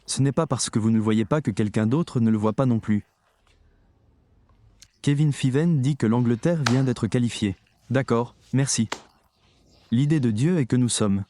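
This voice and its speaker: A man's voice: medium pitch, moderate pace, pauses often, mellow. A man preaching a sermon, talking emphatically and straight to his audience. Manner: emphatic, addresses the audience directly.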